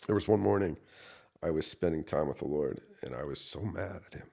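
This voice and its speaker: A man in his thirties, a pastor, earnestly telling a personal story in a podcast interview, going from quiet to loud. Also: rumbling low, fairly quick, gravelly. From United States. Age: 30s. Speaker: associate pastor.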